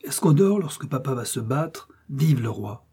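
A man reading aloud voices an excited little peasant boy who shouts martial cries and makes battle noises with his mouth. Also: mid-range voice, moderate pace, slightly rough, pitched above the performer's own voice. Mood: eager.

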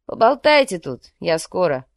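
A woman's voice: on the low side, very animated, unhurried, vocal fry, no room sound, studio quality, full character voice. A woman reading the part of a crude, boastful male gangster boss, with coarse slang. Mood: smug.

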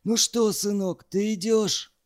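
A man doing a gruff barking old digger. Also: high voice, takes it slowly, darkish tone, voice pushed up. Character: old male tunnel digger, gruff tired boss.

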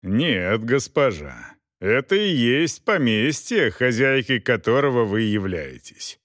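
A man doing a gruff, mocking knight. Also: medium pitch, big pitch swings, slow, a bit bright, no room sound, studio quality. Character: gruff, mocking knight, weary after a long ride.

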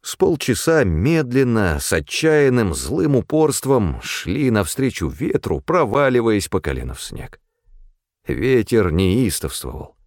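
A man reading a story aloud in a measured, expressive storytelling style. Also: on the low side, no echo, studio quality. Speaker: narrator. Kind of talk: audiobook story narration.

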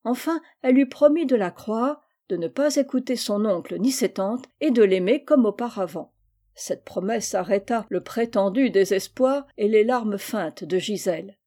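A woman reading a classic children's novel aloud with expressive, lively storytelling. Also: mid-range voice, moderate pace. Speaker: reader.

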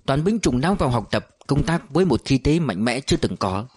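A man narrating an audiobook in a steady, measured storytelling voice. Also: mid-range voice, breathy edge.

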